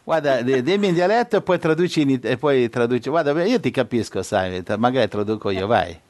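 A man with a medium-pitched voice hosts an informal devotional talk. His manner is playful and teasing as he addresses guests and followers. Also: lively intonation, brisk, a little mellow, no room sound. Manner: joking, teasing. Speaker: host of a religious online talk.

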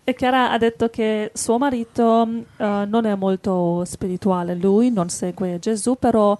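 A woman's voice: medium pitch, steady tone, a little slow, a little mellow, no echo. A woman from Hungary co-hosting an informal devotional chat. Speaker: co-host.

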